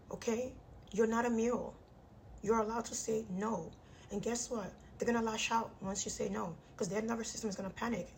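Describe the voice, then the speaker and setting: A woman in her thirties delivers motivational advice with a tight, clenched-jaw sound, as her jaw is wired shut. She is blunt and emphatic, repeating key phrases at a medium pitch. There is clear background noise in the recording. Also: darkish tone, rough recording. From Nigerian immigrant household. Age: 30s. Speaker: vlogger giving self-help advice. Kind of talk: direct-to-audience motivational advice talk.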